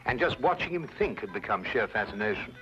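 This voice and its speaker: An earnest British doctor, the detective's loyal companion, with a bright, forward voice. His intonation is animated and very proper, heard through a muffled vintage radio drama recording. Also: on the low side, fairly quick, soft background music. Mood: reflective narration. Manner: proper, earnest, readily indignant. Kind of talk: old-time radio drama acting and narration.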